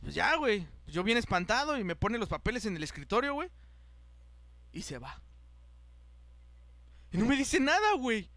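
High, bright young Mexican man telling a story. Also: normal speed, long pauses, no echo. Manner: animated, acts out the voices of people in his story, heavy slang. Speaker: podcast host. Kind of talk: casual storytelling chat.

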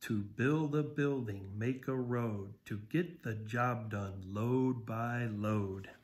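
Seated on a sofa in a small living room, a volunteer story reader reads a picture book expressively to young children and keeps his explanations simple. He is a middle-aged American man whose medium-pitched voice has a darkish tone, and he reads slowly.

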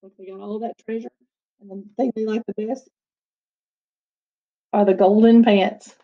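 Through tinny, narrow audio from a desk webcam, a second-grade teacher in her forties reads a picture book in a medium-pitched voice with little pitch movement and a measured pace. She's in a small attic room at home and keeps up playful, chatty asides to the children.

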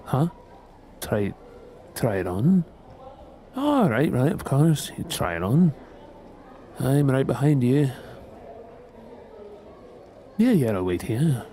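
A man's voice: medium pitch, big pitch swings, slow pace, pauses often, dark tone, slight background noise. A man playing a reluctant young boyfriend in an audio role-play, grumbling in a wry, exasperated way.

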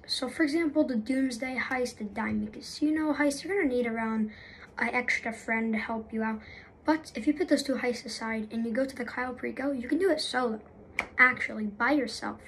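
A woman's voice: a little high, slightly rough, low-quality recording. A young woman talking off the cuff as a gaming YouTuber, rambling and apologizing, with lots of fillers and restarts. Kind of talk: unscripted casual commentary.

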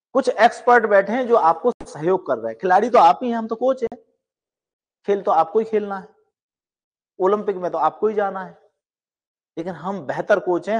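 Coaching law exam students, a middle-aged man with a high-pitched voice gives an earnest motivational talk, swinging between emphatic rises and quiet asides.

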